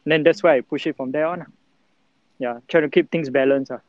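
A man's voice: fairly high pitch, fairly even intonation, no room sound, dull audio. A man in his twenties with a Singaporean accent, giving casual, rambling interview answers in colloquial Singlish, full of fillers and local particles. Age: 20s. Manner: colloquial Singlish with particles like lah, lor and mah; halting, rambling, heavy on filler words. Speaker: interview guest, breakdancer.

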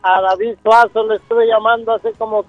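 A man's voice: high-pitched, flat delivery, moderate pace. A man calling into a radio show, chatting in an easygoing, plain-spoken way over a tinny phone line. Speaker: caller. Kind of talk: casual phone-in chat.

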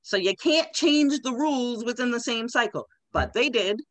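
Here the woman's voice is a little high and free of echo. She's a congressional candidate guesting on a conversational interview, animated and emphatic, talking in quick bursts.

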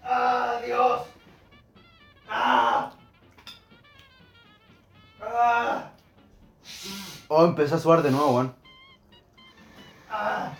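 Hombre chileno gimiendo por el picante. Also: male voice, high voice, sing-song, drawn-out words, pauses often, soft background music. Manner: crude slang, groaning and gasping in pain. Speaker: podcast co-host. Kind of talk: casual chat during spicy food challenge. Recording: echoey room.

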